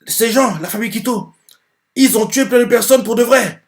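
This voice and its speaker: A man's voice: extremely high pitch, normal speed, voice pushed up. A man voicing a frightened teenage girl pleading with the police.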